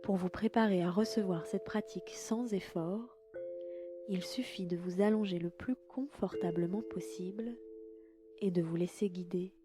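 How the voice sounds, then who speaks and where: A woman leading a guided yoga nidra sleep meditation in a slow, soft and soothing way. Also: fairly low pitch, music in the background.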